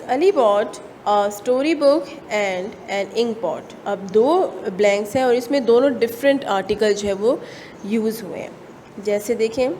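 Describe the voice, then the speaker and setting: A woman teacher with a Pakistani accent, giving an online class, dictating sentences slowly word by word and then explaining them. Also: medium pitch, a little mellow. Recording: long reverb, faint room noise.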